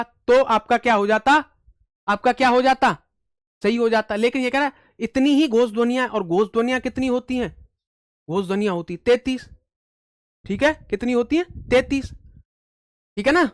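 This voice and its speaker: A man's voice: high-pitched, clean tone, no echo, studio quality. A man teaching an online exam-prep lesson, asking the class questions and answering them himself, reciting letters with emphasis.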